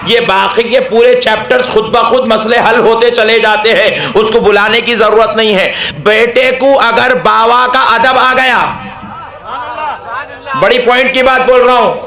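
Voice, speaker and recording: A man preaching a devotional sermon, repeating phrases and talking straight to the crowd, building to shouted peaks. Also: very high voice, a little slow, reverberant. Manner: addresses crowd directly, invites questions.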